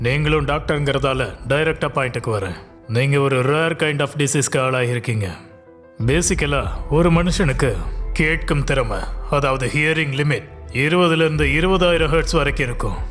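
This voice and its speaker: Man, doctor, clinical, matter-of-fact, slightly high voice, soft music behind. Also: moderate pace. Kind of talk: film dubbing.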